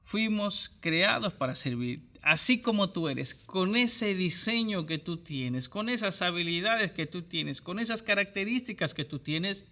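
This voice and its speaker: Bright, high-voiced preaching man. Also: expressive, a little slow, few pauses. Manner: emphatic preaching with repeated parallel phrases and direct address. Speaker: pastor. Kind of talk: online church sermon.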